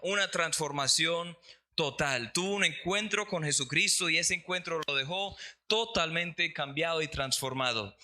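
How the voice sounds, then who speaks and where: A man preaches a sermon from the pulpit as pastor, reading scripture passages aloud. His voice is very bright and sits a little high for a man. He slows down to stress the key lines. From Colombia.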